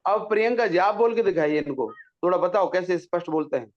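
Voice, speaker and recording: A man's voice: high voice, expressive, a little fast, lo-fi sound. A man teaching a pronunciation lesson, patiently drawing out syllables to demonstrate them. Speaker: Sanskrit teacher.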